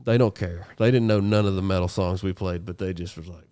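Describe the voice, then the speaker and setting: A man's voice: deep voice, brisk, clear, resonant tone. A man on a casual podcast, telling rowdy stories full of swearing and laughter. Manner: animated, swearing, laughing storyteller. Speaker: podcast guest. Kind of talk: casual profane storytelling.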